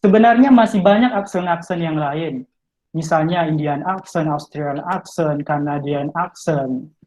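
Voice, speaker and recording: This male English tutor speaks a little high and unhurried, with a slightly mellow tone, in a rough video-call recording. He offers study tips in an online talk, explaining things step by step and talking straight to his audience.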